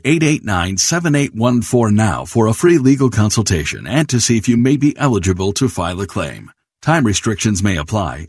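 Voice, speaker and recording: A man reading a scripted injury lawyer ad as a spokesperson, with an urgent, direct pitch. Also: breathy edge, no echo, clean studio sound. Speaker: non-attorney ad spokesperson.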